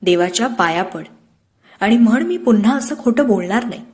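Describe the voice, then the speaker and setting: A woman voicing a stern but loving village mother, speaking firmly and gently. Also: on the high side, lively intonation, moderate pace, lightly acted. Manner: firm, scolding yet gentle.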